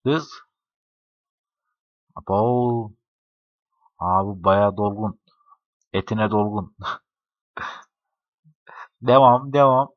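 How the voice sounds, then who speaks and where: A man's voice: fairly low pitch, steady tone, extremely slow, long pauses, no echo. A young man giving casual, joking gameplay commentary, talking to the characters and laughing often. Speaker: gaming YouTuber. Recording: dry, dull lo-fi home mic.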